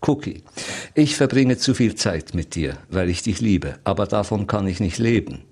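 A man's voice: fairly low pitch, lively intonation, moderate pace, darkish tone, breathy edge. A man voicing a weary woman who keeps demanding money, his voice somewhat raised. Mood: pleading.

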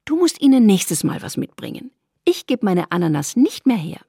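A woman reading aloud voices a lively, bossy young woman with a creaky, husky voice. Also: mid-range voice, normal speed, no echo, clean studio sound, full character voice. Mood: cheerful.

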